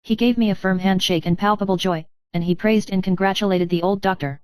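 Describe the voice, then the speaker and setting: A woman narrating a first-person story in a steady, measured reading style. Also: medium pitch, clean tone, no echo.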